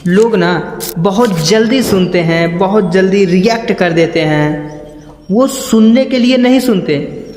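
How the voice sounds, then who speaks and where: Slow, high-voiced motivational speaker, man. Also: roomy sound, in a large hall. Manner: emphatic, acts out anecdotes and examples. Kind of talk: motivational talk.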